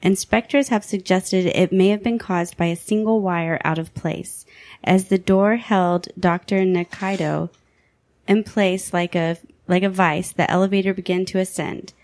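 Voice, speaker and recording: A woman with a fairly low voice reads a countdown of eerie tales in a steady, measured way. The recording is dry and close, with no room sound around her. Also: no room sound. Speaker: podcast co-host. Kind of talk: reading a countdown list aloud.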